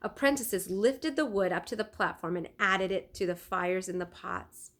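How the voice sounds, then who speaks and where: Her pitch sitting in the middle range, a woman reads a storybook for children aloud like a classroom teacher, deliberate and expressive, pausing to ask the listeners questions.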